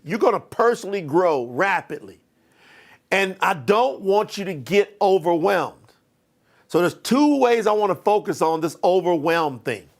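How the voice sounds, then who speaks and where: Male motivational coach; emphatic, repetitive delivery, raspy fry in the voice. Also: high-pitched. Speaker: life coach. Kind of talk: motivational training talk.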